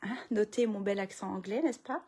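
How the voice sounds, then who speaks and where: A woman's voice: mid-range voice, normal speed, mellow, slightly rough. A middle-aged woman, chatting casually through a papercraft tutorial from her home craft room, full of fillers and restarts.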